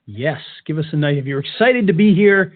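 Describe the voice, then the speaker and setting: A man's voice: fairly high pitch, animated, brisk. An upbeat, joking man co-hosting and presenting a casual, informal webinar. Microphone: webcam webinar call. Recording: tinny, phone-like band-limited webinar audio.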